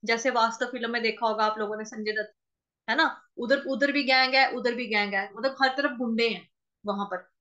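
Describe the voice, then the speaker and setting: A woman teaching how to recite a Sanskrit verse, chanting each word slowly and drawn out, then spelling out letters and vowel marks one by one. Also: fairly high pitch, fairly even intonation, pushed and bright, lo-fi sound. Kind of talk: slow syllable-by-syllable chanting lesson.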